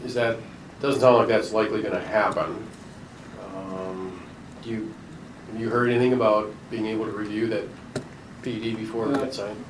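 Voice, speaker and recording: Hesitant low-voiced man in a meeting. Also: steady tone, normal speed, long pauses. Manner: hesitant, thinking aloud. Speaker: committee member. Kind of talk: meeting discussion. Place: meeting room. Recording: echoey room from far off, loud noise.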